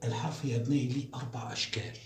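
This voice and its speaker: A man, teaching the alphabet to first graders in a slow, repetitive drilling style. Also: medium pitch, fairly even intonation. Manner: slow, drawn-out syllables and repeated drills. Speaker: primary school teacher. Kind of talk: recorded classroom lesson for young children. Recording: echoey room, voice off-mic.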